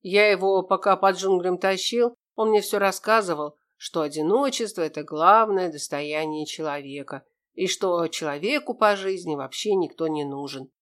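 A woman reading an audiobook, voicing a gruff male soldier who tells a grim story in a low, somber way. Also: moderate pace, hardly any pauses, fairly bright tone, close to an everyday voice. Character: gruff male soldier, older comrade's friend.

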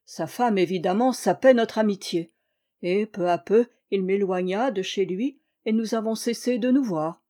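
Expressive woman reading a classic tale. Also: mid-range voice, normal speed. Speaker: audiobook reader. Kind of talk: literary audiobook narration.

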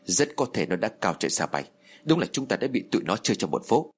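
A man's voice: on the low side, very animated, quick pace, husky. A man voicing a harsh, scheming middle-aged woman who scolds curtly. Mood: grim. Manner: curt, scolding.

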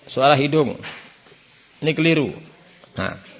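A man teaching a beginners' Quran recitation class, sounding out letters, having students repeat and chanting verses slowly as examples. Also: mid-range voice, creaky, a bit bright, highs cut off. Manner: chants verses slowly to show right and wrong. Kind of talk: classroom tajwid lesson. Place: Islamic boarding school class.

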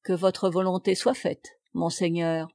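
Quiet humble page boy, soft-spoken and polite, a woman voicing him, slow, dry sound. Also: lowish voice, level tone, creaky, dry recording. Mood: deferential. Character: clever young serving boy, humble and respectful.

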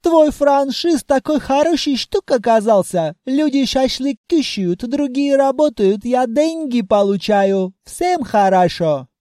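A reader voicing an effusive, jolly male wizard who runs a kebab house and speaks broken Russian with loud exclamations. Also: sits high, takes it slowly, no room sound, studio quality, voice pushed up. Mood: boastful. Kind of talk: audiobook character voice.

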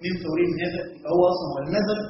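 Egyptian male teacher, brisk questioning delivery in a long-reverb room. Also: sits high, a little hiss or hum. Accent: Egyptian Arabic. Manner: quizzes students, frequent check-in questions. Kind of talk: classroom lesson. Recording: echoey hall, dull lo-fi sound.

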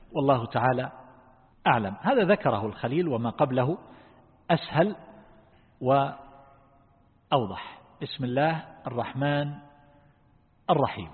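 A man with a husky, slightly raised voice teaches a religious lesson. He explains slowly and deliberately and quizzes his listeners. The sound is thin and phone-like, with a long reverb from the hall. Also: medium pitch. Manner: asks the class questions. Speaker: Islamic scholar teaching Quran reflection.

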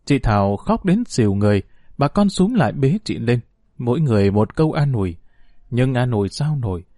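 Expressive male storyteller, mellow and dry. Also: medium pitch, a little fast, no room sound. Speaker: narrator. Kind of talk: audiobook story narration.

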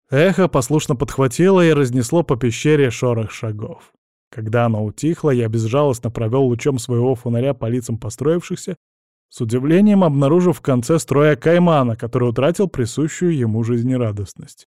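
A man narrating a first-person story as an audiobook reader, with a measured, even delivery. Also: medium pitch, no room sound, studio quality.

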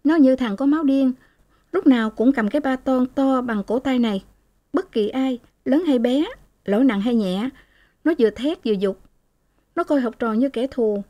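A woman reading as a calm young student. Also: sits high, voice pushed up, natural voice.

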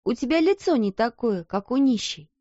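A woman's voice: a little high, expressive, moderate pace, warm tone, no echo, voice pushed up. A shy, kind schoolgirl speaking hesitantly, in a raised, girlish voice, as a woman narrator voices her. The delivery is dry and close, and the storybook audio is muffled. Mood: timid. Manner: timid, hesitant. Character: timid, kind, slow young schoolgirl.

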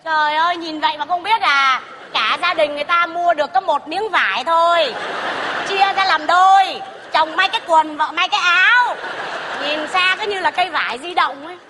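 Female comic, very high voice, scolding and theatrical, reverberant stage sound over music. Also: fairly quick, background noise. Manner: scolding, mocking and dramatic. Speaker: comedian in a sketch. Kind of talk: stage comedy sketch acting. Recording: long reverb with music behind.

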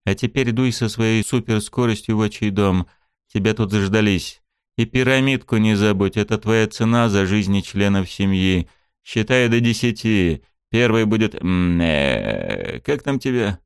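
A man's voice: on the low side, animated, measured pace, clear, resonant tone, dry recording, clean studio sound. A man playing a smug, taunting mentalist. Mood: mocking. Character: smug unseen male mentalist, mocking and taunting.

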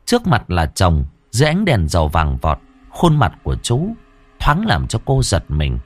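Expressive man narrating a ghost story. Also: low-pitched, moderate pace. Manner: expressive, shifting between hushed and lively.

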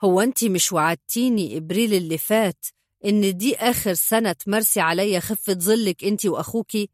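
A woman reading a coldly calm Egyptian father. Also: medium pitch, fast, no room sound, studio quality, close to an everyday voice. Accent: Egyptian Arabic. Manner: flat, calm, cutting. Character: stern, coolly calm father and husband.

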